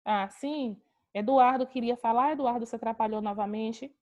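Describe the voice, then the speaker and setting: At normal speed and in a warm tone, a Brazilian woman with a slightly high voice leads a grammar lesson online. She patiently raises a question about each rule and answers it herself. The video-call audio has its highs cut off.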